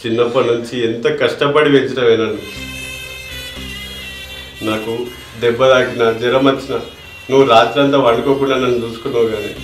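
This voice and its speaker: A man with a Telangana accent playing a loving young son and husband who speaks in a soft, pleading, tender way. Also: mid-range voice, lightly acted. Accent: Telangana Telugu. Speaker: actor. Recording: echoey room, mic far off, music.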